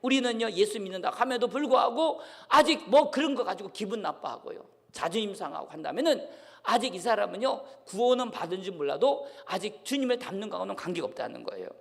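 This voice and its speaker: A man's voice: sits high, expressive, fast, vocal fry. A man pastor preaching a sermon, often calling out to the congregation for responses. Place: church sanctuary. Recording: long hall reverb from a church.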